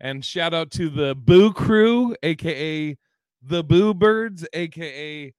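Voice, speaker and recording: A male podcast host with a slightly high voice banters casually and swears freely. He jokes around in a conversational way, and the recording is dry with very little room sound. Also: expressive, slow pace, a little mellow, clean tone, no room sound. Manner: profane, jokey.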